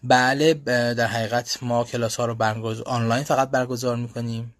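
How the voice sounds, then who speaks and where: A man's voice: medium pitch, level tone, no echo, clean studio sound. A man hosting a casual live question-and-answer stream for language learners, talking loosely with frequent fillers and restarts. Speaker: language school host answering viewer questions. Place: lives in Europe.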